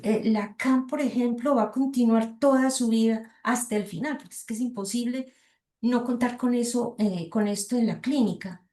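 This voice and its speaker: A middle-aged woman with a Colombian Spanish accent gives an academic lecture in an echoey room, her voice a little high and mellow at a normal pace. She reads passages aloud and thinks aloud, often hesitating and making rhetorical asides to her listeners.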